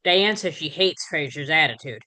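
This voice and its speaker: A woman with a low-pitched but bright, crisp voice talks through a recap in a relaxed, conversational way. She stumbles and corrects herself now and then, with plenty of fillers. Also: moderate pace. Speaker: podcast host. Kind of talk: casual episode recap.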